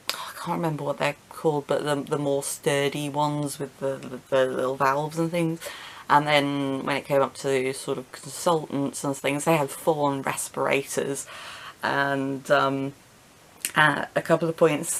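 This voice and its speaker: A woman's voice: low-pitched, creaky. A young woman vlogger chatting casually to camera, hesitant and full of ums, with self-deprecating chuckles. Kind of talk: rambling casual chat to camera. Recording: faint hiss.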